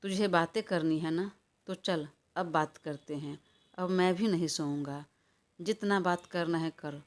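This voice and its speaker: A woman's voice: on the low side, a little slow, natural voice. A woman reading an audio story, voicing a weary, irritated young man who talks in an exasperated way. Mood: angry. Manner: exasperated, pleading for rest. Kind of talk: audiobook character voice.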